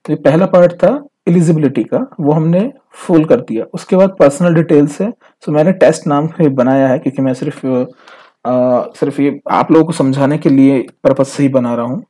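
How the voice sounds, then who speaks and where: A man with an Indian accent gives an informal step-by-step screen tutorial, explaining things in an instructional way and mixing in English phrases. His fairly high voice is mellow and husky, at a moderate pace.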